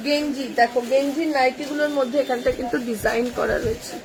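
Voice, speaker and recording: A woman, selling clothes from her shop on a live stream with brisk, repetitive sales patter about colours and prices. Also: sits high, fairly even intonation, a crowd in the background, low-quality recording.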